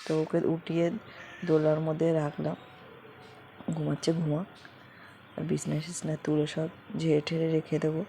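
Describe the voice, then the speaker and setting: Soft-spoken young woman vlogging at home. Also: low-pitched, monotone, gravelly. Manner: talks quietly and slowly, keeping her voice down. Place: home in a leafy rural area. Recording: noisy home recording with ambience.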